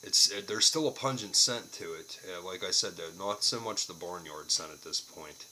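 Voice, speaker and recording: A man's voice: low voice, normal speed, bright, forceful tone, a little hiss or hum, poor audio. A man giving a casual, unscripted product review to camera, plain-spoken and casually profane.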